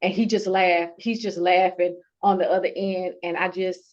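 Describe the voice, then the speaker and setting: A woman talks in an earnest, heartfelt way, her thoughts coming in halting pieces. Her voice sits a little low for a woman. The sound is dull and lo-fi. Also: fairly even intonation, a little mellow. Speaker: award-winning procurement professional, guest. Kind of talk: conversational interview.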